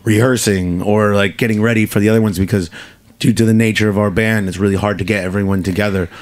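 A man with a husky, hoarse voice worn from touring, talking as a guest in a radio studio, rambling with lots of fillers and restarts. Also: on the low side, fairly even intonation, quick pace. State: hoarse, tired voice after touring. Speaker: guest musician, band frontman. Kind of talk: casual interview chat.

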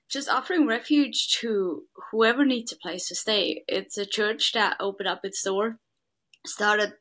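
A young Swiss woman whose first language is Swiss German speaks in a mid-range voice that sounds pushed and bright. She's a guest in a casual interview, works at a refugee school, and talks earnestly, saying "like" a lot.

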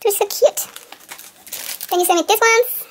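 Very high-voiced, gushing woman unboxing. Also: normal speed, slight background noise. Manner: gushing, excitable, lots of exclamations. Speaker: craft channel host. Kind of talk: unboxing a gift box. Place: at home at a table.

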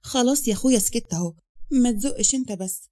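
A woman's voice: a little high, quick pace, warm tone, lightly acted. A woman voicing a cheeky, dramatic young runaway woman with an Egyptian accent, teasing and pleading. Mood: playful. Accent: Egyptian Arabic.

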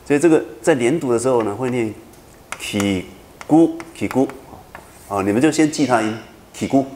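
A man's voice: mid-range voice, a little mellow, reverberant, a little hiss or hum. A man lecturing a university class, explaining patiently and often checking whether students follow. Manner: patient, repetitive explaining with frequent checking questions.

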